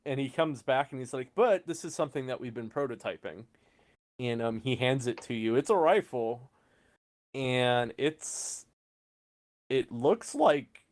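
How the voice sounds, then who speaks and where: A man's voice: medium pitch, a little mellow. Man casually narrating a tabletop game. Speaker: game master.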